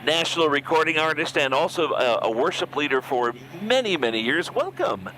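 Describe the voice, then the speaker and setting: A man's voice: fairly high pitch, sing-song, a little fast, crowd noise, poor audio. An older man hosting a casual interview from an airplane cockpit, speaking in an encouraging broadcaster's manner over a headset. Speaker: host.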